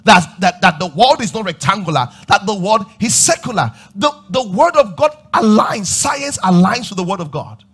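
A man preaching a sermon on a church stage, asking the crowd questions and rising to shouts as he moves about. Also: sits high, lively intonation, normal speed, few pauses, breathy edge. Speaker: pastor. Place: large church stage with audience.

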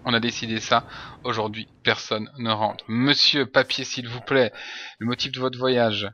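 A man commenting on a game while playing a stern, mock-authoritarian border guard with a joking edge. His voice is bright and forceful. The recording sounds slightly dull and lo-fi. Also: medium pitch, flat delivery, normal speed, slight background noise. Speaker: let's play commentator.

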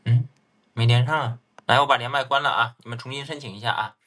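Forceful husky-voiced male streamer. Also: mid-range voice, fairly even intonation, quick pace. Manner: exasperated, repeats phrases, thanks donors. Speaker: livestream host taking callers. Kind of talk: casual live-stream chat.

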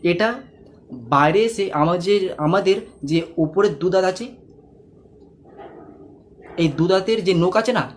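A man's voice: sits high, measured pace, long pauses. Patient man drilling Arabic letter sounds. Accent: Bengali. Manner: patient, repeats sounds many times for students; addresses learners directly, asks check questions. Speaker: Quran reading teacher. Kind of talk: step-by-step pronunciation lesson.

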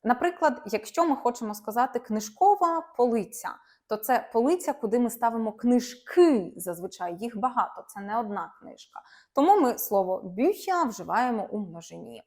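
Young female language teacher, lively and emphatic, voice set a little high and swinging widely as she explains. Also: moderate pace. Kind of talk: explaining grammar to viewers.

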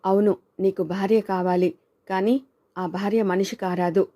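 A woman's voice: medium pitch, steady tone, normal speed, dark tone, close to an everyday voice. A woman voicing a man who fiercely protects a writer friend in a storybook reading, scolding and defiant.

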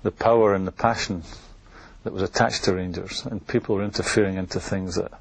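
Older man, low husky voice, interview recollection, firm and emphatic. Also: fairly even intonation, a little fast, dry recording, poor audio. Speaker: former football manager.

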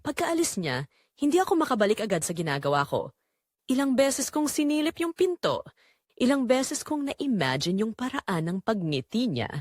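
Narrating in the first person as Rosa, a lonely forty-three-year-old wife left neglected, she sounds conflicted and full of longing. Short dramatic phrases come at a moderate pace, her pitch moving in lively swings. The audio-drama recording is close and dry.

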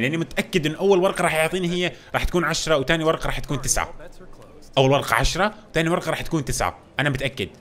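Fast-talking excitable male gamer. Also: medium pitch. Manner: fast, excitable, talks to viewers as "guys". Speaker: gaming YouTuber. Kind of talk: excited gameplay commentary.

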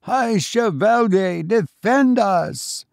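A man's voice: high voice, expressive, very slow, vocal fry, no room sound, clean studio sound, voice pushed up, exaggerated voice. A man voicing phantom medieval archers chanting battle cries for a saint's aid. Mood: fervent. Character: spectral medieval bowmen crying for aid.

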